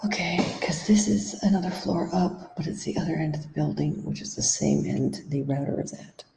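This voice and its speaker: A low, mellow, gravelly woman talks casually as co-host of a live stream. She rambles and restarts often. Her voice rings out in a bare, echoey empty room, with a faint hiss behind it. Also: moderate pace. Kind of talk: casual chat. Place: empty meditation room indoors. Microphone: hands-free headset over a video call. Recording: roomy echo, faint background noise.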